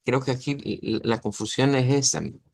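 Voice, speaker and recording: Patient gravelly-voiced teacher explaining sounds. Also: male voice, mid-range voice, expressive, brisk, darkish tone, no echo. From Latin America. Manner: patient and explanatory, often checking in with the class. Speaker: language teacher. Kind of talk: online lesson explaining pronunciation.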